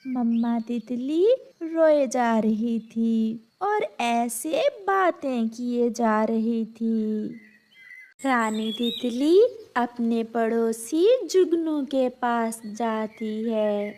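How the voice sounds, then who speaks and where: Slow, high woman narrating a kids' story. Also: a little mellow. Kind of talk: scripted storybook narration for children.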